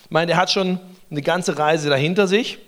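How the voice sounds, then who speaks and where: Playful, high-pitched man preaching a lively story sermon to a live crowd. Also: moderate pace. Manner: playful, joking, directs audience participation. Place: before a live congregation.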